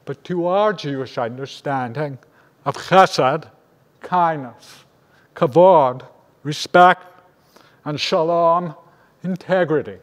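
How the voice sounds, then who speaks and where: An older man, a rabbi, giving a measured, grave sermon at a lectern microphone in a large synagogue sanctuary. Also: fairly high pitch. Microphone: lectern microphone on a stand. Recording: long reverb of a large hall.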